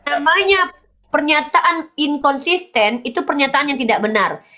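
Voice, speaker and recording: Insistent high-voiced woman debating. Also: measured pace, pushed and bright. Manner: insistent, lecturing, repeats rhetorical questions. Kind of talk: heated religious debate.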